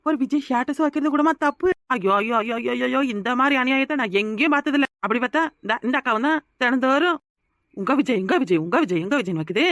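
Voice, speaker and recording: A woman voicing an outspoken young village woman in a cartoon, with a southern Tamil Nadu rural accent, who shouts and scolds. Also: sits high, expressive, fast, no room sound, clean studio sound. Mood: outraged. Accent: southern Tamil Nadu rural dialect. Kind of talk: cartoon voice acting.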